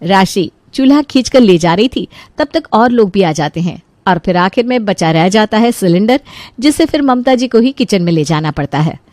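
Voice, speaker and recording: Lively woman storybook narrator. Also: mid-range voice, normal speed, no echo. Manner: lively, playful.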